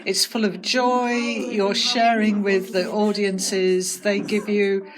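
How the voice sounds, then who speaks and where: A woman's voice: medium pitch, level tone, slow pace. A woman who is an orchestra percussionist, answering interview questions in an enthusiastic, expansive way. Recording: crowd chatter in the background. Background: crowd.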